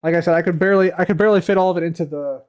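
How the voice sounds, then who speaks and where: A man with a high, clear, resonant voice talks rapid-fire while chatting casually on a live stream. He answers viewer questions, reading them aloud from chat, and rambles and repeats himself with lots of fillers. His voice sounds a little tired from heavy use, and his phrases trail off quietly at the ends.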